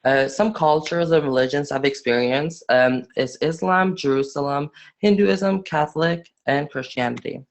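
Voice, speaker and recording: A nineteen-year-old man from Afghanistan giving a student webinar presentation, halting with frequent fillers and restarts. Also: on the high side, vocal fry.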